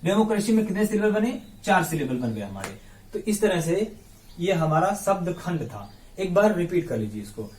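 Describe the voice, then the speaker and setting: A man teaching English grammar in a classroom-style lesson. He breaks words into syllables slowly, repeats them, quizzes his listeners and calls them his brothers. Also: high voice, sing-song, a little mellow, far from the mic, a little hiss or hum. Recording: echoey room, voice off the mic.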